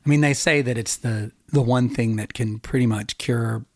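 A man's voice: medium pitch, normal speed, no echo, clean studio sound. Laid-back rambling man on a podcast. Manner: rambling, laughs often. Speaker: podcast co-host. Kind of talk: casual chat.

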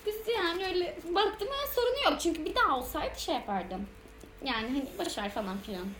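A woman's voice: sits high, brisk. A young adult woman telling frank stories in casual chat, often breaking into laughter. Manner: animated, laughing storyteller. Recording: echoey room with crowd noise.

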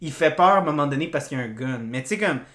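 A woman with a Québécois French accent, co-hosting a casual podcast chat, animated and swearing, with lots of fillers and loud laughs. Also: low-pitched, very fast. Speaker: podcast co-host. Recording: echoey room.

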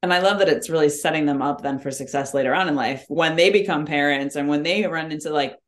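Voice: mid-range voice, quick pace. A podcast host in a casual interview, listening attentively with frequent affirming murmurs.

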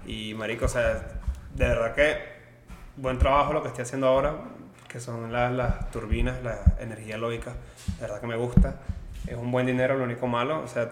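A young man with a Venezuelan accent hosts a loose podcast chat. He talks quickly and rambles through slang and fillers at a middling pitch. The room around him gives his voice a roomy echo. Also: a little hiss or hum. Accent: Venezuelan Spanish. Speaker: podcast host. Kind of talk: casual chat.

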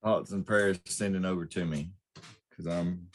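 A man's voice: sits low, fairly even intonation, normal speed. A man co-hosting a podcast, chatting in a laid-back, laughing way. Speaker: podcast co-host. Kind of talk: casual chat.

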